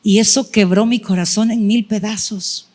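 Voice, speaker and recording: Middle-aged woman, preacher, emotional sermon testimony, acts out her own prayers, mid-pitched voice. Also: fairly even intonation, normal speed, a little mellow.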